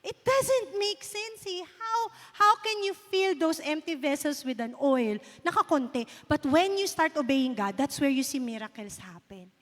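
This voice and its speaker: A woman's voice: high voice, expressive, measured pace, few pauses, fairly bright tone. A woman pastor in her thirties with a Filipino accent, preaching a storytelling sermon and mixing Filipino with English. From Philippines. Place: church sanctuary. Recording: long reverb of a hall.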